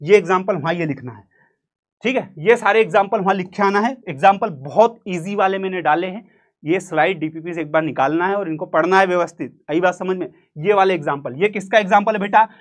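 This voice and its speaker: This is a fairly quick, high male voice belonging to a teacher running a lighthearted exam-prep literature class. He speaks with a central Indian Hindi accent, cracks jokes, dramatizes quotations, and sings little bits along the way.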